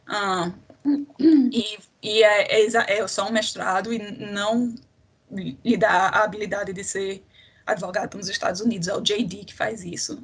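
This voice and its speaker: A woman's voice: medium pitch, breathy edge. A woman in her twenties with a Brazilian accent from Recife, giving chatty advice as an interview guest and mixing in English terms. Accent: Brazilian Portuguese, from Recife. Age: 20s. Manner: chatty, restarts sentences, mixes in English terms. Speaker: interview guest, doctoral student.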